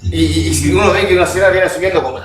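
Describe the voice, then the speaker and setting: Pastor preaching, high voice, keeps asking o no?, roomy far-off sound w music under. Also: male voice, very fast. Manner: animated, asks the congregation "¿o no?" often. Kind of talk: sermon. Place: church hall. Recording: echoey hall, distant mic, music behind.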